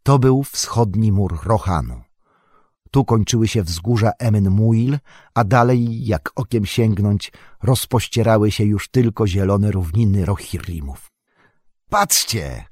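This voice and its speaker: A man reading a fantasy novel aloud as an audiobook narrator, in an even, measured storytelling manner, recorded close to a studio mic. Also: on the low side, no echo.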